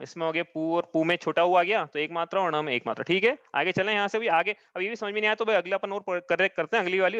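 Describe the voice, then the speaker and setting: Teacher, male, fairly high voice, dry and slightly muffled recording, patient and repetitive. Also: a bit bright, clear, resonant tone, no echo. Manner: patient, repetitive, checks understanding often; chants verses slowly. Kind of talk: live class explanation. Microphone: own mic, audio only.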